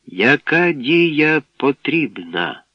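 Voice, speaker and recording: A man voicing a calm male ship robot that speaks in a measured, clipped, businesslike monotone. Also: on the high side, dry recording, voice pushed up, heavily acted. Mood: flat calm. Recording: dry, dull lo-fi recording.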